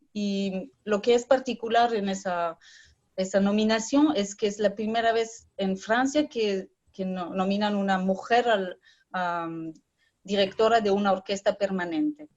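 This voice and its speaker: A woman orchestra conductor in her forties, from Brazil, Israel and Argentina, speaks in a halting, thoughtful way, with slips of French. Her pitch is ordinary. The sound is dull and lo-fi, like remote call audio. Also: darkish tone. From born in Brazil, raised in Israel and Argentina. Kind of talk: remote interview.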